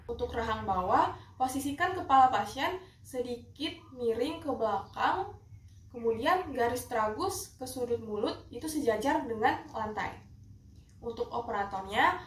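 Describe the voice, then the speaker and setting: A young adult woman, a dental student acting as operator, gives a rehearsed skills demonstration that includes patient role-play. Her fairly high voice is polite and methodical as she goes step by step. She sits a bit far from the mic in a highly reverberant room, with faint background noise.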